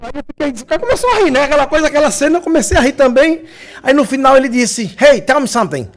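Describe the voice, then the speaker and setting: High-voiced Brazilian man giving a lecture. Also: lively intonation, quick pace. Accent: Brazilian Portuguese. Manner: anecdotal, good-humored storytelling. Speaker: spiritist lecturer. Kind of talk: humorous religious lecture. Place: lecture hall.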